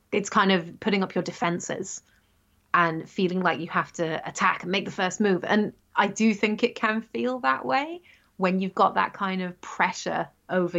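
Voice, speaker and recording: Here an English woman in her thirties rambles through a casual chat, fixing her own slips with small laughs. She speaks in a fairly low, creaky voice, captured with dull lo-fi sound.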